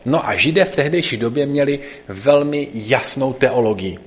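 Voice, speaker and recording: A man's voice: medium pitch, animated. A man reading a scripture passage aloud and then explaining it in a conversational sermon, in a slightly dull recording. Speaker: preacher.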